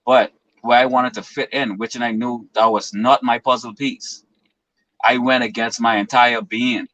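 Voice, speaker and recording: A man's voice: medium pitch, level tone, moderate pace, a bit bright, no room sound, low-quality recording. Earnest man in his twenties. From Bahamas. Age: 20s. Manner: earnest, philosophical, long winding explanations. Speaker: guest. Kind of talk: reflective interview talk.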